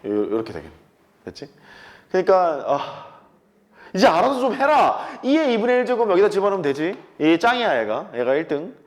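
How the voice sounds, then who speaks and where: A man's voice: sits high, big pitch swings, a little fast. A man teaching math to a class, blunt and teasing, swearing casually at his students as he works problems on the board. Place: classroom with chalkboard.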